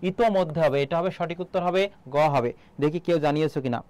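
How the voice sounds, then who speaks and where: Smooth-voiced man teaching a quiz class. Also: fairly high pitch, quick pace, darkish tone. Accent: Bangladeshi Bengali. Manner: quizzing students with questions and repeating answers. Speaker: Bangla teacher. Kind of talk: live online exam-prep class.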